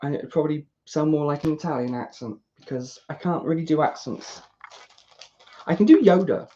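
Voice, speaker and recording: A woman's voice: deep voice, fairly even intonation, a little fast, mellow, a little hiss or hum. Rambling British woman, lo-fi sound. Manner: chatty, self-deprecating, talks to herself. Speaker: YouTuber building a model kit. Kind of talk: casual rambling chat while building. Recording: dull lo-fi recording.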